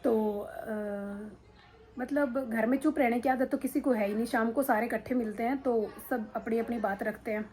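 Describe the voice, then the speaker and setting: A woman's voice: on the high side, steady tone, moderate pace, a little mellow, low-quality recording. A middle-aged woman vlogging casually into a handheld phone at home, frank and rambling with many fillers. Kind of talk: casual talk to camera. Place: drawing room at home. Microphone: phone held in hand.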